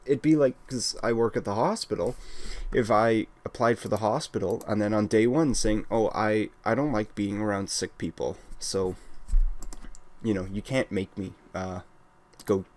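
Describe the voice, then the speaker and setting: A young man from Wales with a lowish voice vents in a blunt, exasperated monologue. He keeps restarting his sentences as he talks at his computer, with soft keyboard typing behind him. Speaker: gaming channel host. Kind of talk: casual ranting monologue.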